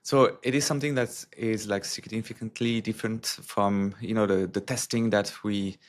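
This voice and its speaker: A security executive answers interview questions haltingly, his speech full of fillers. His voice sits on the low side with a fairly even intonation.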